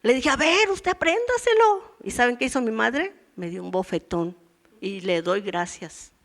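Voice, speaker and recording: A woman's voice: mid-range voice, moderate pace. A woman in her sixties teaches a women's church meeting in a chatty, storytelling sermon, acting out everyday voices. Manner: conversational preaching, acts out voices from daily life and her past.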